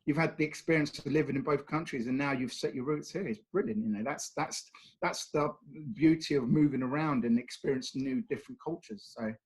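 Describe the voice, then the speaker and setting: This is a British man from the UK, a brand ambassador in an interview, speaking fairly quickly in a mid-range voice over a rough recording. He keeps it casual and chatty, often saying "you know."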